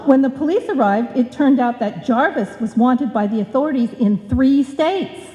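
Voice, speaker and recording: In a muffled, echoey hall, a woman puts on a haughty society matron for vintage radio comedy. The voice is fairly high and mellow, with formal, refined, airy delivery. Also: expressive, moderate pace. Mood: lofty. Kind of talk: old-time radio comedy acting before a live audience.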